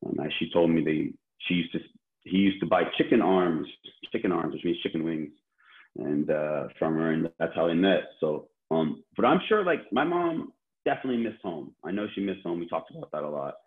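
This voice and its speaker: A man's voice: low voice, expressive, normal speed. A man born in Korea, speaking as an interview guest in a loose, rambling way with many fillers and restarts. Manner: rambling, heavy use of "like" and restarts. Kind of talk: casual conversational interview. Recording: tinny phone-like line.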